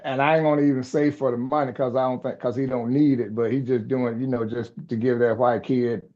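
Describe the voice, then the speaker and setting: A man holds forth on boxing in casual sports chat, blunt and quick to dismiss, with easy laughter. His voice sits at an ordinary pitch. The recording sounds dull and lo-fi. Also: level tone, a little mellow. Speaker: co-host.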